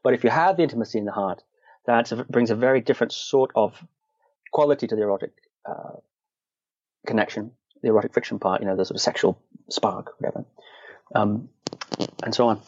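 A man from Scotland's Shetland Islands, a meditation and martial arts practitioner, tells stories as an interview guest with dry, wry humour and a hesitant, qualifying way of talking. His lowish voice is a little mellow and husky, fairly quick, with frequent pauses. The recording has no echo and its highs are cut off.

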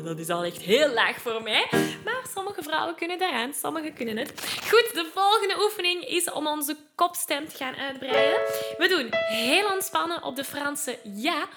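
A woman's voice: high-pitched, expressive, normal speed, over loud music. A woman hosting a podcast singing lesson, coaching in an upbeat, encouraging way. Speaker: singing teacher and podcast host.

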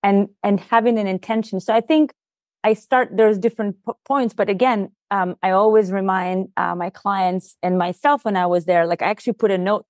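Here the same kind of speaker, a Russian-native woman coaching leaders and appearing on a podcast, explains earnestly in loose conversation sprinkled with "you know" and "like." She has a medium-pitched, somewhat dark voice, keeps a steady tone and a moderate pace, and the audio is echo-free studio quality.

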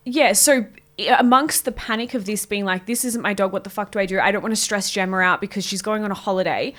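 A woman's voice: mid-range voice, fast, a bit bright. A young woman, co-hosting a podcast and telling a story in casual chat, swearing freely and laughing often. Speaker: podcast co-host.

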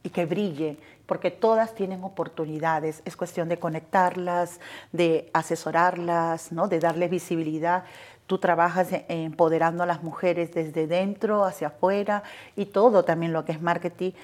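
A woman's voice: lowish voice, steady tone, normal speed, darkish tone. A woman co-hosting a television talk show, asking questions in an affirming way. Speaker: co-host.

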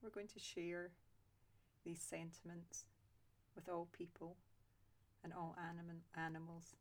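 Calm, low-pitched woman guiding meditation. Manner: slow, soft and calm with long pauses. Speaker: meditation guide. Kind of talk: guided loving-kindness meditation.

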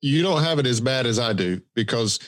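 A man's voice: medium pitch, expressive, a little fast, fairly bright tone, no echo. A man with a thick Southern accent from Georgia, co-hosting a podcast in a casual, folksy, self-deprecating way. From Georgia, United States. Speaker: podcast co-host. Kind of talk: casual conversational podcast talk.

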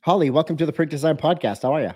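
A man's voice: fairly high pitch, rapid-fire, loud music behind the voice. A man hosting a podcast interview, chatting in a friendly, casual way, laughing often and saying "like" a lot. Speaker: podcast host.

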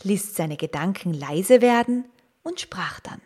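Slow, gentle woman reading a children's story. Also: medium pitch, lively intonation. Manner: slow, gentle, addressing the young listener, at times whispering.

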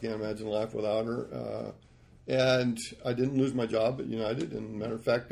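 A man in his sixties, a podcast guest, telling rambling, animated stories about his life. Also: medium pitch, vocal fry. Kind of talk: storytelling interview.

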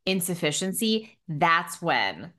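A woman hosting a podcast in casual conversation, talking emphatically and warmly affirming her guest. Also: lowish voice, big pitch swings, takes it slowly. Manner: emphatic, affirming, repeats "so good". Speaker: podcast host.

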